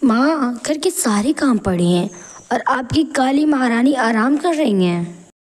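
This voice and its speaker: A woman voicing an eager young sister-in-law in an animated story, who chats and calls out. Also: fairly high pitch, a little slow.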